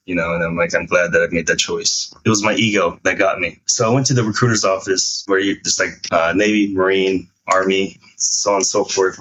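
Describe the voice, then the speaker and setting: Low husky-voiced man telling his story. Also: rough recording. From United States (San Francisco). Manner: relaxed, loose storytelling with slang. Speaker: military veteran guest. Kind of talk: casual chat.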